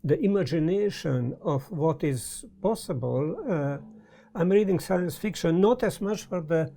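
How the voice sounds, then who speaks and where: Slow, gravelly older man with a Hungarian accent. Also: a little high, warm tone. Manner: thoughtful, halting, with many pauses and fillers. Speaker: guest. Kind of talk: casual conversation. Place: study lined with bookshelves, indoors. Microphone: lapel mic.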